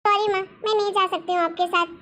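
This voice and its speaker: A woman's voice: extremely high pitch, steady tone, fast talker, bright, forceful tone, soft background music. A woman voicing a rude, party-loving young daughter who curtly brushes off her mother in a cartoon story. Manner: impatient, curt. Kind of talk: cartoon voice acting.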